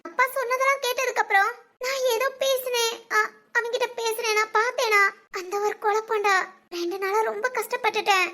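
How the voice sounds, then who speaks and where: A very high, squeaky cartoon voice of a teenage girl, played by a woman. She hesitates, stammers and sniffles as she confides. It is a tender family-cartoon delivery. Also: steady tone, brisk, sharp tone. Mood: tearful, anxious. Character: anxious teenage girl, confused by love. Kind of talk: cartoon voice acting.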